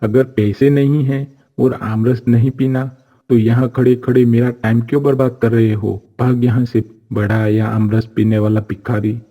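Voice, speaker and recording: An actor playing a greedy, short-tempered village juice seller who scolds harshly, in a cartoon story. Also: male voice, medium pitch, little pitch movement, moderate pace, narrow, tinny audio, lightly acted. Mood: angry. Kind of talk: Hindi cartoon voice acting.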